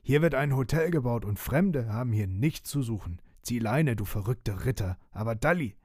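A man playing a rough-voiced construction worker in a storybook, who is brusque and mocks whoever he talks to. The voice is husky, dark and dry. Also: medium pitch, animated, normal speed, dry recording. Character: gruff male construction worker, mocking and rude. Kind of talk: storybook reading.

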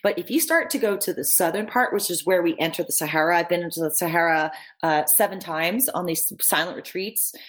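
A woman telling travel stories as an interview guest, lively and rambling, with lots of restarts. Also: lowish voice, brisk. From United States. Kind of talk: casual storytelling.

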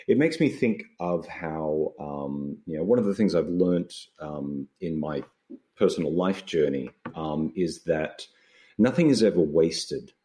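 Australian male, low voice, laconic drawl, thoughtful guest in relaxed, reflective conversation. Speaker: interview guest, writer.

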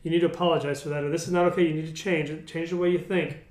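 A man's voice: a little high, flat delivery, rapid-fire, a little mellow, reverberant. A man in his thirties co-hosting a casual faith discussion, candid and self-deprecating, with many restarts. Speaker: podcast co-host.

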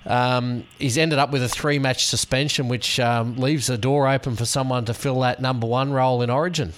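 A man's voice: mid-range voice, steady tone, moderate pace, a little hiss or hum. An Australian man hosting a casual sports interview on the radio in an informal, matey way. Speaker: fill-in radio host.

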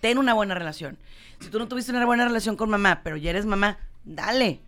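A Mexican woman hosts a motivational chat show in a middle-pitched voice. She is emphatic, repeats her key lines and speaks straight to the listeners. Soft music plays faintly behind her. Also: quick pace. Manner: emphatic, repeats points, addresses audience directly. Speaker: host.

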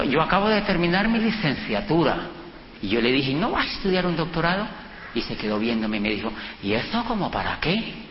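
A middle-aged Colombian man with a Colombian Spanish accent and a fairly high voice gives a storytelling lecture, animatedly recounting anecdotes and acting out dialogue with lively jumps in pitch. The hall recording is dull and echoey, with faint noise.

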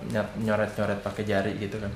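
A man explaining things in relaxed, slangy casual chat. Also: on the low side, a little fast. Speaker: guest demonstrating a screen reader. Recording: echoey room with faint noise.

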